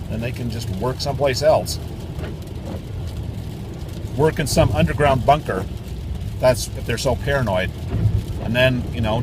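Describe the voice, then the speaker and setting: A political commentator launches into a sarcastic, mocking rant, repeating words in a singsong way. His voice is medium-pitched, and there is background noise.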